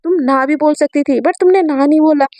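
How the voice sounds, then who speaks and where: A stern woman teacher who scolds in an exasperated way and is easily embarrassed, as a woman narrator puts her on. Her voice is high. The recording is dry, with no echo. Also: brisk, darkish tone, natural voice. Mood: scolding.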